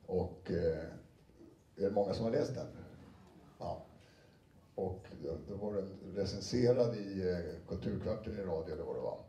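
Dark-voiced man in a roomy hall. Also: low voice, animated. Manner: conversational, many fillers and restarts, briefly acts out quotes. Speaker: audiobook narrator giving a talk. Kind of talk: anecdotal talk to an audience. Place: lecture room with an audience. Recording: roomy sound from a distant mic.

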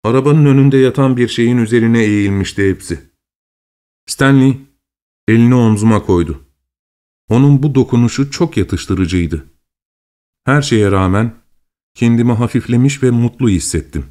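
A man who works as a voice actor, reading a story aloud as an audiobook in an expressive, dramatic way. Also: medium pitch, normal speed, long pauses. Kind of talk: audiobook narration.

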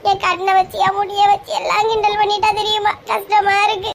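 A woman's voice: very high voice, flat delivery, brisk, vocal fry, noisy background. A woman with a Kanyakumari Tamil accent playing an anxious, tearful young woman in a comedy skit. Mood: upset. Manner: tearful, fretting.

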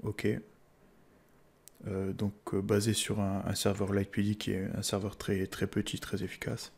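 French male tutorial host, low flat voice, stumbling and filler-heavy, casual walkthrough. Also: normal speed, breathy edge. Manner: hesitant, many "euh" fillers and repeated words. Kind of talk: casual screen-recorded tutorial.

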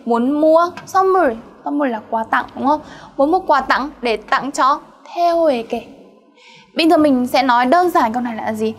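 A woman's voice: sits high, lively intonation, moderate pace. A woman teaching a grammar lesson, explaining step by step and checking in with her students through frequent questions. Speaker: Korean language teacher.

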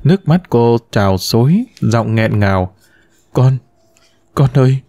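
Mellow-voiced male story narrator. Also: mid-range voice, no room sound, clean studio sound. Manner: expressive, dramatic storytelling. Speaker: audiobook narrator.

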